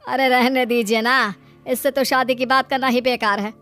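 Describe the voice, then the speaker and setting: Lady doing naggy indian cartoon mom, high voice, scolding and taunting her grown daughter, bit of music behind. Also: steady tone, moderate pace, fairly bright tone. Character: nagging, disapproving mother of grown daughter. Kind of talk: Hindi cartoon story acting.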